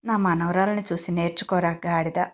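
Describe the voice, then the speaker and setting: A woman's voice: lowish voice, steady tone, fairly quick, natural voice. A woman voicing a fussy, strict old grandmother who scolds about rules. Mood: scolding.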